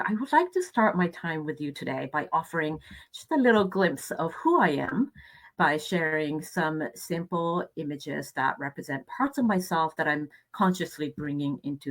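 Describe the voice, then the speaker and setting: Low-voiced woman presenting reflectively. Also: rough recording. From Japan. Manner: reflective, measured, with hesitant fillers. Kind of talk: conference presentation.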